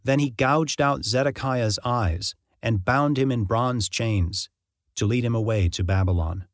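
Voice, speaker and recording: A man narrating a Bible passage in an even, measured reading style. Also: medium pitch, no echo, clean studio sound. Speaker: scripture reader.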